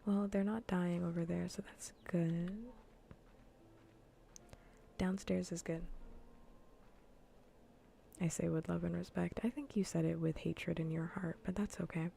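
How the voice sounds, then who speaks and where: Speaking at a fairly low pitch and a little slowly, this female livestreamer rambles in a relaxed way through a cozy ASMR gaming stream. Her soft, mellow voice is breathy with gravelly fry and keeps drifting into whispers on the close mic, with long pauses and a little hiss or hum.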